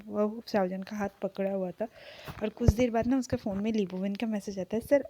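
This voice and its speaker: A woman retelling a fan fiction story in a loose, chatty way, padding her sentences with filler words. Her voice sits at an ordinary middle pitch for a woman. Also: fairly even intonation, a little fast, background noise.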